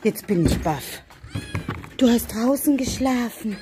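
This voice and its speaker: A woman's voice: fairly high pitch, expressive, a little slow, noisy background. A woman vlogging casually while feeding her cats and other animals, calling to them in a sing-song voice. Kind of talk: casual vlog talk to animals and viewers.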